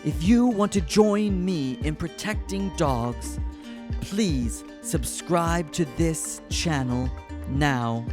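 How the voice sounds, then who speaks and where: A narrator reads a mock nature documentary with solemn drama. The pace is slow and deliberate, and the pitch sits in a middle range. Soft music plays behind the voice. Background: background music.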